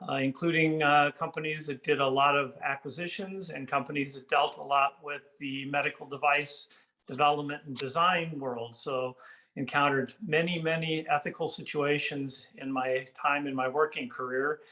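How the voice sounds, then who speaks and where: Bright-voiced older man introducing himself. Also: a little high, fairly even intonation, normal speed, poor audio. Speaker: competition judge. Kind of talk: informal self-introduction.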